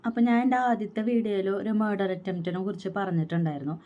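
Speaking at medium pitch, a pregnant young vlogger rushes through an aggrieved personal story, acting out other people's lines as quoted dialogue. The recording has its high frequencies cut off.

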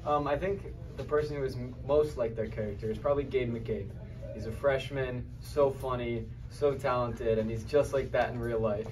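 A teenage boy in a school play's cast answering interview questions haltingly with fillers, in a school hallway. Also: medium pitch, steady tone, a little mellow, distant mic, a little hiss or hum, low-quality recording. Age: teens. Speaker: student cast member. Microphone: handheld mic held by interviewer.

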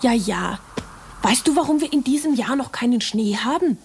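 A woman voicing a brave, curious young girl in a puppet play, eager and gently coaxing. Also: fairly high pitch, expressive, normal speed, slightly rough, full character voice. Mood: pleading.

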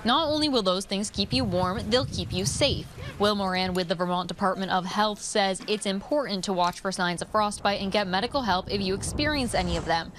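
A young woman delivers a live news report from outdoors at night. Her delivery is clear and measured. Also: mid-range voice, noisy background. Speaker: field reporter.

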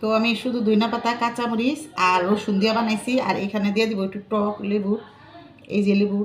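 A woman talks through her home cooking in a relaxed vlog. She chats to her viewers as if they were friends, in a voice of middle pitch. A faint noise hums behind her. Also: fast. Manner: chatty, addresses viewers as friends. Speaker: cooking vlogger. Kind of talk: casual cooking vlog narration.

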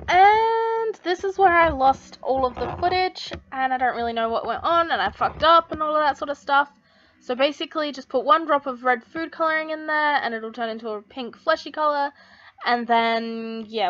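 This DIY tutorial comes from a teenage girl vlogging at her table at home, chatting loosely and cursing without much thought. Her high-pitched, a bit bright voice moves at normal speed, muffled, echoey, and far from the mic.

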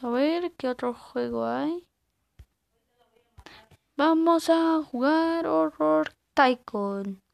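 A woman's voice: sits high, extremely slow, gravelly, long pauses. A woman gives casual, hesitant commentary while playing a game and sometimes squeals in panic. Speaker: gaming channel host.

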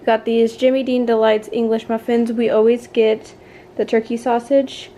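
A woman's voice: fairly high pitch, little pitch movement, normal speed, dark tone, a little hiss or hum. Chatty young woman vlogging at home. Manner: chatty, rambling, with fillers and self-corrections. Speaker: family vlogger. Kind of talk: casual vlog chat. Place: home bedroom, then kitchen.

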